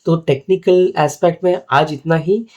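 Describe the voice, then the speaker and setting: A man's voice: fairly high pitch, fairly even intonation, normal speed, warm tone. A man hosting a lesson on lyric writing, counting beats aloud and explaining word stress with examples, mixing English into his talk. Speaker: lyric-writing teacher and host.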